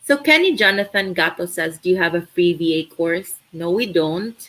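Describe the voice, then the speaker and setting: Answering viewer questions on a live stream about an online course, this young woman from the Philippines talks at a moderate pace in a lowish voice. She is Filipina, a native Tagalog speaker with a Filipino accent, and her casual delivery is chatty and animated with plenty of fillers.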